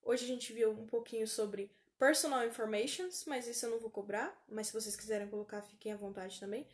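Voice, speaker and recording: A woman with a Brazilian Portuguese accent teaching an online English lesson, repeating each word slowly for pronunciation practice. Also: on the high side, steady tone.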